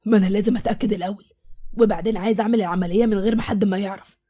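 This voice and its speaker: A woman's voice: mid-range voice, fairly even intonation, very fast, dark tone, lightly acted. A woman with an Egyptian accent voicing a young paralysed husband who suspects his wife, speaking in earnest, urgent dialogue for an audio story. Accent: Egyptian Arabic. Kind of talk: storybook voice acting.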